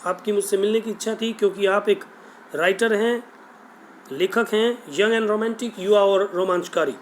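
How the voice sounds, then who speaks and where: Guy teaching a chapter, highish voice, takes his time, faint hum behind. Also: fairly even intonation, poor audio. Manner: reads English lines slowly, then explains them quickly in Hindi. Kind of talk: bilingual chapter explanation.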